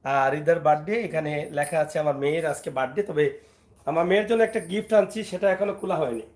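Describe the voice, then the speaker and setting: A man's voice: on the high side, fast, a little mellow. A man who makes family vlogs. He coaxes and teases his young son, then turns to speak to his viewers. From Sylhet, Bangladesh. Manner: coaxing and teasing, talking to his child and to viewers in turn. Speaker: father and family vlogger. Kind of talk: casual family vlog.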